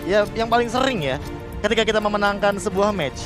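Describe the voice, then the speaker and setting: A man's voice: high voice, fast, music in the background. A man with an Indonesian accent analysing an esports match conversationally as co-caster, mixing in English gaming terms.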